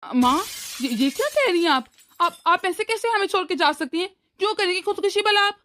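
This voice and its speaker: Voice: high voice, big pitch swings, normal speed, a bit bright. A voice actor playing an anxious young husband and son in a cartoon, torn between wife and mother. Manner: pleading, anxious. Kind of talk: cartoon voice acting.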